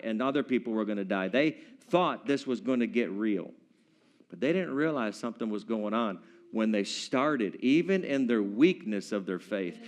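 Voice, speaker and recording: A man preaching a sermon in a church, playful, acting out scenes in voices and breaking into song. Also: mid-range voice.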